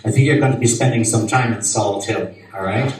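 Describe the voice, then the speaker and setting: A man's voice: mid-range voice, brisk, distant mic. A man with a west of Ireland accent giving casual, rambling stage banter between songs as a singer-songwriter at a live show. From Galway, west of Ireland. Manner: rambling, chatty asides. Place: live performance venue with PA. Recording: very echoey live venue, guitar behind.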